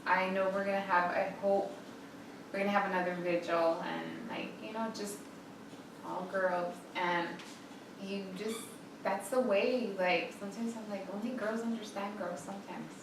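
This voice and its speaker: A woman's voice: medium pitch, steady tone, normal speed. A woman around thirty leading a girls' youth group, talking casually with many fillers and frequent laughs. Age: 30s. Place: room of a church, echoey. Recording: echoey room, mic far off, noisy background.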